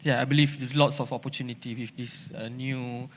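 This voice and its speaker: Male moderator, mid-pitched, halting delivery, hall reverb. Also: flat delivery, a bit bright. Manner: halting, searching for words. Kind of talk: moderating a panel discussion. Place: conference hall. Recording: long reverb of a conference hall.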